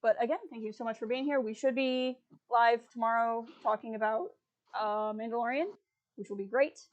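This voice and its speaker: A woman hosts a relaxed livestream conversation. Her voice sits a touch high, and she rambles casually with plenty of fillers and easy laughter. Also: fairly quick, muffled recording. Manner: chatty, filler-heavy, laughs easily. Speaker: livestream host. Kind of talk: casual chat.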